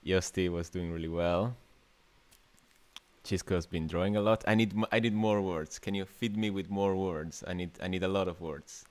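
A man in his twenties from Italy, a new media artist with an Italian accent, hosts a casual livestream masterclass from a small indoor room. He chats with viewers informally and hesitantly, often thinking aloud. His voice is low-pitched and darkish, with fairly even intonation and a normal speed.

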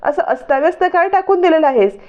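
A woman's voice: very high-pitched, animated, fast, lo-fi sound, voice pushed up. A woman voicing a scheming middle-aged man who scolds and questions suspiciously. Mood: scolding.

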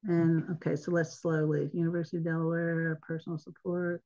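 A woman's voice: deep voice, flat delivery, fairly quick, mellow. A woman giving an informal online presentation, chatty and laughing at her own slip-ups, heard over a video call. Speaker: webinar presenter. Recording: dull lo-fi webinar audio.

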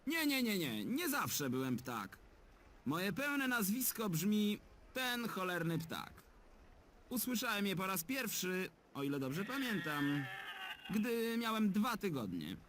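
A man's voice: high-pitched, sing-song, takes it slowly, fairly bright tone, a little hiss or hum, full character voice. An actor voicing a sarcastic, sulky talking male bird in a dubbed adventure game. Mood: sardonic. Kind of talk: game dub voice acting.

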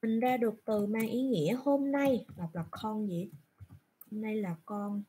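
In an online Japanese class captured by a browser screen recording, a woman teaches patiently, posing questions and then answering them herself. Her mellow voice is medium-pitched and a little slow, with a slight hiss or hum in the background.

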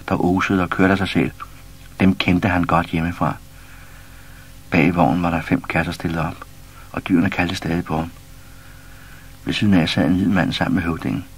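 Deep husky guy reading a kids story tape, low and kinda rough. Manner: warm, steady storyteller addressing a child listener. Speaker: audiobook reader. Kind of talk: storybook narration for children.

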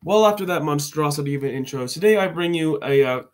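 Talking fast at his home webcam, a stuffy-nosed young man ranks candy in a joking, rambling way, often correcting himself. His voice sits on the high side and is expressive, with a little hiss or hum in the recording.

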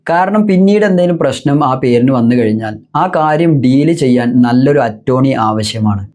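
A man's voice: medium pitch, animated, a little fast, a little mellow. A man working as a business consultant gives a step-by-step tutorial and keeps asking himself rhetorical questions as he explains.

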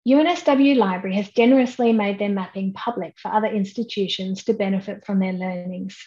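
A woman, giving a measured, explanatory conference keynote over a webcam. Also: medium pitch, dark tone, highs cut off. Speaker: keynote speaker. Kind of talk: online conference presentation. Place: indoors at home, plain wall behind. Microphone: webcam at desk, head and shoulders framing.

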